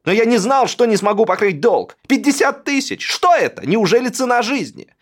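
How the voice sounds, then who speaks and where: A man doing a shrill, hysterical pampered young man. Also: big pitch swings, normal speed, exaggerated voice. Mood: aggrieved. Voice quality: shrill, breaking into falsetto.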